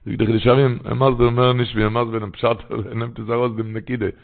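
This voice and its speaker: A man rambles through religious storytelling, his phrases recurring again and again. His medium-pitched voice is level, creaky and a little fast, heard through a tinny phone-line sound.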